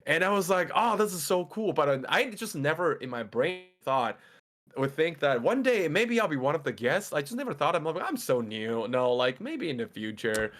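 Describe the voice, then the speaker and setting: A young man whose first language is Mandarin chats casually as a podcast guest, his voice a little high and his pace moderate. He rambles excitably, laughing often and leaning on lots of fillers.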